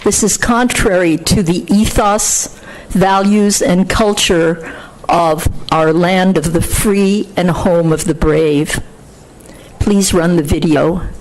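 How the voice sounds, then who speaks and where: Slow, formal older woman reading a statement. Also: fairly low pitch, steady tone, darkish tone, low-quality recording. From France. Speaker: public commenter at a city council meeting. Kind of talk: prepared speech read aloud. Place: council chamber, indoors. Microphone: podium microphone.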